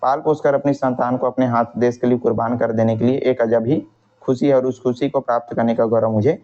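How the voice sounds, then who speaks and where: A man's voice: medium pitch, steady tone, a little fast, mellow, natural voice. A man reading the lines of a proud, grieving mother of a condemned young man, plainly and aloud from a textbook. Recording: dull lo-fi recording.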